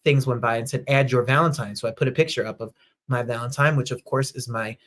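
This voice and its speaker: A man's voice: medium pitch, quick pace, fairly bright tone. A man hosting a casual livestream chat show from home, upbeat and chatty, greeting viewers by name. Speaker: host.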